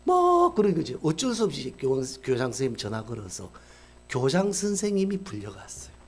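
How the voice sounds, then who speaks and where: A middle-aged male pastor telling a story in a sermon, acting out the people in it with sudden shifts in voice. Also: normal speed. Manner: acts out quoted characters with lively swings in pitch and loudness.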